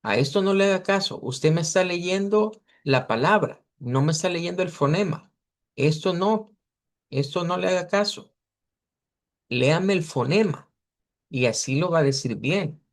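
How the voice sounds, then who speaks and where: A man teaching an English pronunciation class over a video call, patiently repeating model words slowly for his students. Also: sits high, expressive. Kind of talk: online class correcting students.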